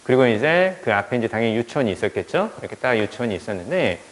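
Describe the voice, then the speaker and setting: A man's voice: medium pitch, rapid-fire, big-room sound. A male teacher telling a childhood story in a lecture, acting out the people he quotes. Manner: animated, acts out quoted voices. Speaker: English teacher.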